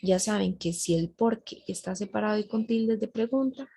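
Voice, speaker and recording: A woman's voice: mid-range voice, moderate pace, gravelly, mellow, husky, low-quality recording. A woman teacher giving a grammar lesson, patient and explanatory, often checking her students follow along.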